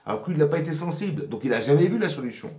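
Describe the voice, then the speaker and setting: A man giving a religious lesson to women as a rabbi, animated and often checking whether the audience has understood. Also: on the high side, very fast, roomy sound. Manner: animated, asks "vous avez compris?" often. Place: rented workshop room.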